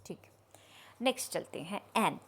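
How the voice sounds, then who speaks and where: A woman teacher, explaining grammar slowly and often checking that her students understand. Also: mid-range voice, lively intonation, slightly rough. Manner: explains slowly, asks the class if they understood. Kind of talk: grammar lesson.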